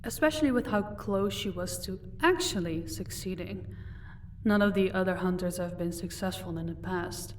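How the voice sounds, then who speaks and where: Voiced by a woman on the lower side at a normal pace, lightly acted, this powerful vampire, a married lady of an estate, addresses the listener in a roleplay with cool, commanding composure, taunting and condescending. Faint background noise sits under the distant microphone.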